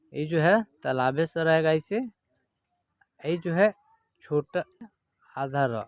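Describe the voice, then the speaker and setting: A man with a high voice leads an online Hindi lesson, stretching out each syllable slowly. He explains patiently and keeps checking that his students follow. The sound is dry and close. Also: no echo. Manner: slow, drawn-out syllable-by-syllable reading. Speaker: Hindi teacher.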